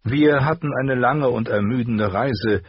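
A proud, stern noblewoman, as a male narrator puts her on, curt and commanding, her voice lifted higher than his own. The read sounds husky and dry, slightly dull, like a storybook. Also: a little slow, dry recording.

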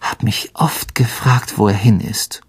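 A man reading an audiobook voices a frightened young teen boy wizard in fearful whispers that climb high. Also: measured pace, slightly rough, no room sound, exaggerated voice. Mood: hushed relief.

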